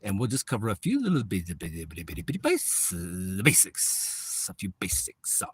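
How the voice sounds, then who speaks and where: A man's voice: low voice, wildly swooping pitch, fairly quick, a bit bright, breathy edge. A man on a livestream, talking in a rambling, repetitive spiritual monologue that drifts into whispers now and then.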